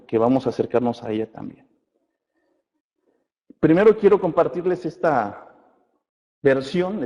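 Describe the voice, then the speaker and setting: A man's voice: medium pitch, warm tone. Male Bible class teacher, checks in with his listeners, long reverb, dull lo-fi sound. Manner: addresses listeners as brothers, asks checking questions; reads scripture aloud slowly. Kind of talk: church Bible class lecture. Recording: muffled recording in a reverberant hall.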